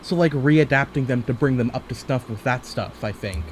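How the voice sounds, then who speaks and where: A man co-hosting a chatty podcast, rambling through his points with plenty of fillers and restarts and the odd swear. His voice sits at an ordinary middle pitch, with a faint hiss of noise behind it. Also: normal speed. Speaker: podcast co-host. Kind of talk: casual chat.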